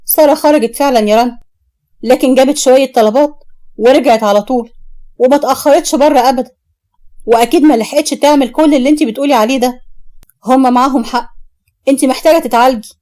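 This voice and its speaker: A woman's voice: sits high, fast talker, long pauses, warm tone, close to an everyday voice. A woman voicing a stern young Egyptian brother. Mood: firm. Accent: Egyptian Arabic.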